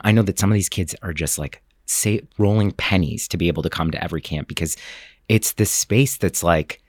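A man's voice: low voice, no room sound, clean studio sound. A man talking earnestly about the camp he founded, rambling with fillers and restarts, choked up at times. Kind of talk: interview clips.

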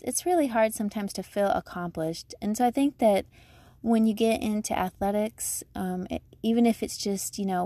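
A woman's voice: mid-range voice, dark tone, dry recording. A woman giving casual motivational advice like a vlogger, chatty, emphatic, upbeat and encouraging.

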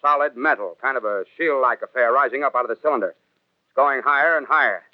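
A man's voice: medium pitch, fairly quick, no room sound. A man playing a confident army captain giving a formal field report over the radio in a 1930s radio drama. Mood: uneasy, startled. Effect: radio transmission. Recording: thin, tinny field radio transmission.

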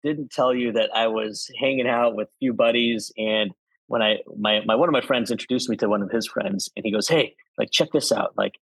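A man, a urologist guest on a podcast, calmly explaining medical issues in plain words. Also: on the low side, a little fast, slightly rough, dry recording, rough recording. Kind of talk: explanatory interview answers.

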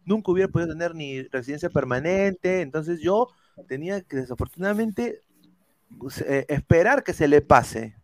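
A man tells a long personal story on a chat show, with a slightly high voice. He rambles, restarts his sentences often and drops casual swears along the way. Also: animated, moderate pace, dry recording. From Peru. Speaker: panelist.

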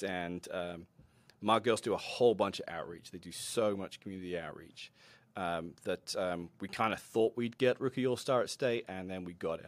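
A man who mentors a robotics team, a podcast guest telling animated, self-deprecating stories with frequent laughter. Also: deep voice, dry recording. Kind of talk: conversational interview storytelling.

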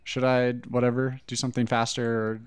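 A man's voice: mid-range voice, completely flat delivery, fairly quick, clear, resonant tone. A man co-hosting a podcast, chatting casually in loose run-on thoughts about bike repair. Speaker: podcast co-host, bike mechanic.

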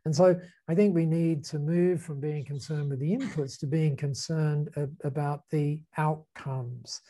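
A man giving a conversational, explanatory talk as a presenter, halting and deliberate, stressing key words. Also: a little high, fairly even intonation, dark tone. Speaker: speaker presenting ideas to a group.

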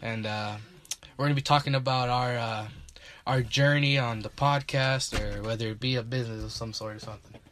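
Young man, inside a closet, casual podcast host, easygoing, trailing off, mid pitch. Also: steady tone, brisk, a bit bright, slight background noise. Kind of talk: casual chat. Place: inside a small closet at his parents' house.

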